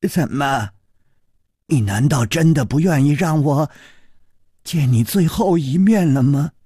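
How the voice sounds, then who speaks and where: Man playing a clever trapped hero, wry, sighing, lively pitch, dry sound. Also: normal speed, no echo.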